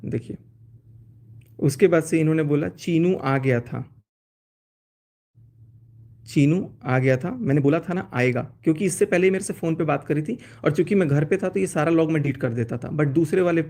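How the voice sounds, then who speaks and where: Man, live-stream storyteller, aggrieved; pitched a bit high, mellow tone. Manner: aggrieved, reads out chat messages. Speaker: YouTuber showing chats on a live stream. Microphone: phone.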